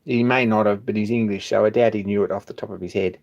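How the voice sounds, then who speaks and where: A man's voice: lowish voice, fairly even intonation, fast, creaky, a little mellow, lo-fi sound. A man, hosting a hobby machine shop live stream and chatting casually, rambling with restarts and chuckling now and then.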